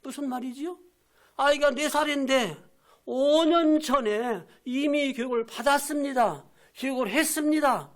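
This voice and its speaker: An older man, a pastor emeritus, preaching a Sunday sermon with emphatic repetition, rhetorical questions and shouted quotes. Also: very high-pitched, unhurried. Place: church sanctuary.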